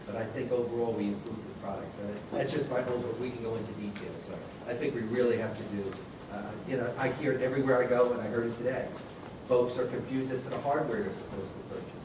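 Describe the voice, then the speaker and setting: Fast-talking panelist, echoey and distant. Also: male voice, mid-range voice, fairly even intonation. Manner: quick, emphatic, repeats himself. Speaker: legislator on a panel. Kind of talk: panel discussion remarks. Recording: echoey hall, distant mic, noisy.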